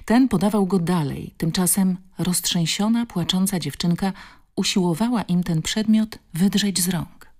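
Female audiobook narrator, low voice, steady expressive storytelling. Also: normal speed.

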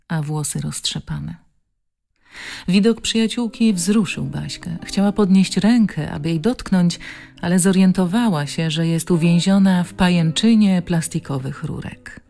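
Brief: low-voiced female audiobook reader, slightly gravelly, calm pace, faint guitar behind. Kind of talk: scripted audiobook narration.

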